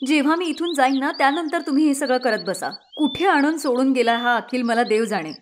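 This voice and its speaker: Woman doing a shrill, scolding young city bride. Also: a little fast, a little hiss or hum, natural voice. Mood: angry. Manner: sharp, scolding and complaining. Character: spoiled, rude young city daughter-in-law.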